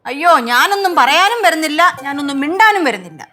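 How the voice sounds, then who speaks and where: A woman's voice: sits high, animated, quick pace, sharp tone. A touchy complaining old grandmother. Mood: sulking. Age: older. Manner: complaining, defensive, sulky. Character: touchy old grandmother, quick to take offence. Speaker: grandmother and wife. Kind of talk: sitcom acting.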